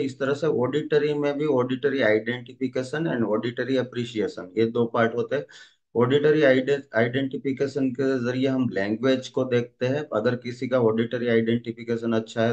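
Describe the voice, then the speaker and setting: Male trainer, mid-pitched, explanatory lecture, filler-heavy, slightly dull lo-fi audio. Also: a little mellow. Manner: explanatory, frequent "uh" fillers and restarts. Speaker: DMIT trainer. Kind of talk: recorded lecture on brain lobes.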